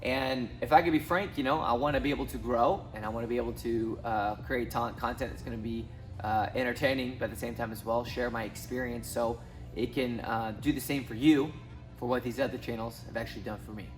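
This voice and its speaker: A finance YouTuber in his thirties, from Southwest Missouri, speaks fairly quickly in a steady, mid-range voice. Faint music sits behind this casual talking-head vlog, where he rambles and restarts often with plenty of ums.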